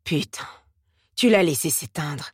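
Kotke, a hoarse young stoner with a gravelly edge and coarse slang, as a woman reader puts him on. He sits low in pitch and sounds dry and close, with no room around him. An audiobook character voice. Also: lively intonation, unhurried, darkish tone, dry recording, heavily acted. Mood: irritated. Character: rough-voiced young man, stoned hiker.

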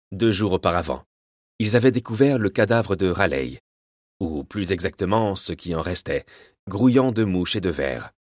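A man reading an adventure novel aloud in a measured, dramatic storytelling manner. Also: sits low, no echo, clean studio sound. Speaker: audiobook narrator. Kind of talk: scripted narration.

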